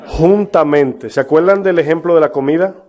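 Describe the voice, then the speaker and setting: A man's voice: fairly high pitch, lively intonation, unhurried, a little mellow. A man preaching a sermon as pastor, emphatic, with rhetorical questions to his congregation. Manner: mocks false prophets in a put-on voice.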